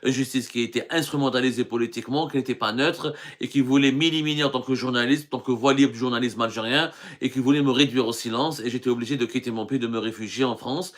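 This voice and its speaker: A middle-aged Algerian man, a journalist, hosts a live stream and earnestly answers viewer questions, often hesitating and restarting. His voice is medium in pitch with a steady tone, and he talks at a quick pace.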